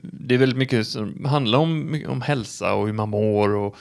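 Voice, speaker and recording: A man's voice: medium pitch, vocal fry. A man who works as an assistant nurse, talking chattily with plenty of fillers in a casual conversation. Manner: chatty storyteller, hesitant fillers.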